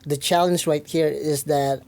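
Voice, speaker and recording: Filipino-accented man, 30s, relaxed mellow voice, meandering conversational guest. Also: a little high, a little slow, vocal fry. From Philippines. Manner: rambling storytelling, frequent "you know" fillers. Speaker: podcast guest, hypnotherapist. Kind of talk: casual conversation.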